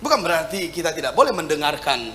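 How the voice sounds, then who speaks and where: A male pastor preaching a sermon, swinging from shouts to soft tender words and speaking in tongues. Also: fairly high pitch, sing-song, fast talker, a little hiss or hum. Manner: speaks in tongues, sings at times. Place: church hall with congregation. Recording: live church PA with music and crowd.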